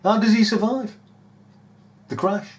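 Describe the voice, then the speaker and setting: Man, sarcastic commentator, high voice, unhurried mocking delivery. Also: fairly even intonation. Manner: sarcastic, mocking, often laughing. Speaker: video commentator. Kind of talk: casual commentary over news footage.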